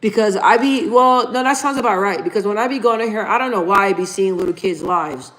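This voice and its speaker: A woman in her thirties, mid-range voice fairly bright and fairly quick, hosts a casual livestream on a rough recording. She's chatty and informal, reading comments aloud and addressing everyone as "you guys."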